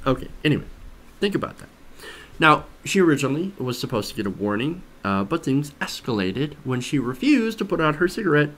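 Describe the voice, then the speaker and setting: With a fairly high, sing-song voice that's a bit bright, this man speaks a little fast. He hosts a political commentary show, delivering conversational takes on the news with skepticism, emphasis and frequent rhetorical questions.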